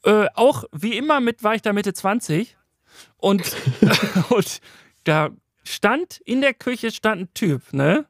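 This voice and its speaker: A man's voice: high voice, very animated, takes it slowly, a bit bright, no room sound, studio quality. A man around forty co-hosting a casual podcast chat, joking and acting out the people in his stories. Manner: joking, acts out quoted people. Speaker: podcast co-host.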